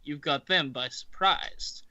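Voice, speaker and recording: Bright high-voiced man on voice chat. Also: slow, dry recording. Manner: laughs often, swears, talks over others. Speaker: player voicing a captain. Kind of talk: casual tabletop role-play.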